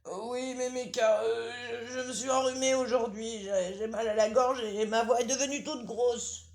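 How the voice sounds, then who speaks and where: A woman's voice: fairly high pitch, fairly even intonation, normal speed, a little mellow, voice pushed up, close to an everyday voice. A woman voicing a skinny, hungry male wolf who stammers while pretending to be a little girl, read in a storybook. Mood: hesitant. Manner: hesitant, stammering. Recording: roomy echo.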